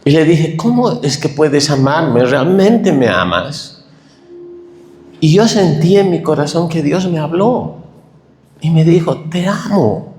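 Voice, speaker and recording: Emotional preacher in an echoey hall. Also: male voice, fairly high pitch, slow pace. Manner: emotional, tearful, animated storytelling. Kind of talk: testimony sermon. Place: church hall.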